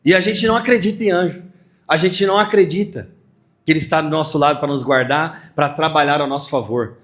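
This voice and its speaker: With a voice on the high side and a fairly quick pace, a man delivers a spirited sermon as pastor. He laughs while teaching and brings scenes to life by acting out the voices.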